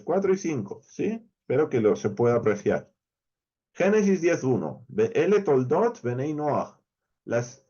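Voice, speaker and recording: A man's voice: medium pitch, darkish tone, highs cut off. A man with a Spain Spanish accent, teaching a verse-by-verse Hebrew Bible lesson. He explains step by step, counts letters aloud and checks in often with his listeners.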